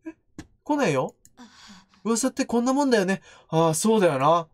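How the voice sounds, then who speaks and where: A man's voice: high voice, sing-song. A man doing jumpy, teasing commentary on a horror game he is streaming. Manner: jumpy, loud, teasing, quick to shriek. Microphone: studio microphone.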